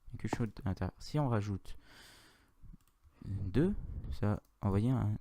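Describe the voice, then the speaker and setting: A man's voice: fairly low pitch, normal speed, warm tone. A man with a French accent giving a casual, rambling game tutorial, correcting himself and chatting in asides. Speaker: Minecraft tutorial youtuber. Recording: audible mouse and keyboard clicks.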